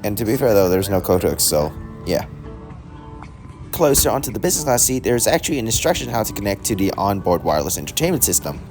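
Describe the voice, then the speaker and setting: Lively man narrating a casual travel review. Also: fairly low pitch, brisk, faint music behind. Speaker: travel vlogger.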